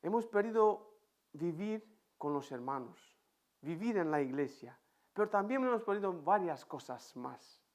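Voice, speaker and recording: A high-pitched man with an accent from Spain preaches in an empty church. He leans into his story with a voice that leaps up and down. He is a vivid, animated storyteller. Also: a little slow. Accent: Spain Spanish. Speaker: pastor. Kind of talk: sermon with personal storytelling.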